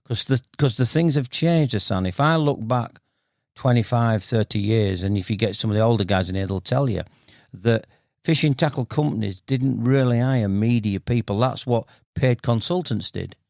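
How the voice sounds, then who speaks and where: Creaky-voiced older Bradford man. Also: mid-range voice, normal speed, a little mellow, dry recording, studio quality. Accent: Bradford Yorkshire. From Bradford, Yorkshire, northern England. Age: 60s. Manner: blunt, matey, colloquial. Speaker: podcast guest, veteran carp angler. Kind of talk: casual interview storytelling.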